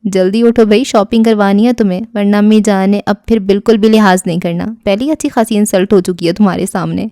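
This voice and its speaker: A confident young suitor in an audio storybook, teasing and affectionate in a warm, mellow voice, read by a woman narrator. Recorded close and dry with no room sound. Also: mid-range voice, fairly even intonation, dry recording, lightly acted.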